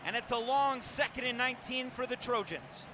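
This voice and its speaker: Over loud stadium noise, a man with a very high voice calls a football game for radio at normal speed. He's animated, projecting like a sports announcer and using clipped, descriptive phrases.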